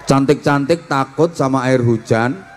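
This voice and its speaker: A man's voice: mid-range voice, measured pace, a little hiss or hum. A man with a Javanese accent preaching a humorous sermon to students, playfully acting out different ways of greeting.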